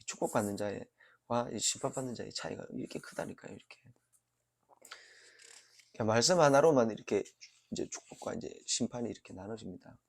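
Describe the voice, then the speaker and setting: Gravelly-voiced Korean man preaching casually. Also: fairly low pitch, brisk, pauses often. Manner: conversational, many fillers and rhetorical "right?" checks. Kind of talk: informal sermon with anecdotes.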